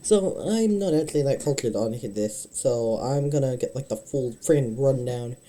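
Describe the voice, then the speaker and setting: Dark-voiced man chatting over a video. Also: medium pitch, expressive, normal speed. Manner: chatty, joking, laughs often, talks over the video. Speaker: streamer reacting to a video. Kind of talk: casual commentary over a video.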